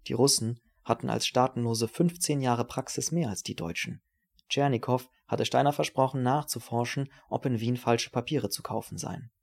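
A man narrating a novel in a measured, even reading. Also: mid-range voice, creaky. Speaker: audiobook narrator. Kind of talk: scripted literary narration.

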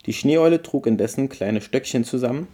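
A man, host of a podcast, gently reading a Christmas storybook tale aloud. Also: medium pitch. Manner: gentle, unhurried.

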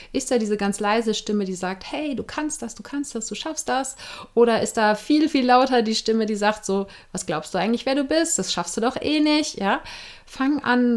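A woman hosting a self-help podcast, speaking directly and encouragingly to the listener in a casual coaching style. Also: medium pitch. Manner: casual with fillers and occasional English words. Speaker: podcast host.

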